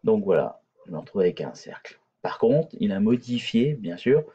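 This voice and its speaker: A man's voice: lowish voice, big pitch swings, normal speed, mellow, husky, dull audio. A man teaching a hesitant, filler-filled screencast coding lesson, talking through code on screen. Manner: hesitant, many fillers and restarts.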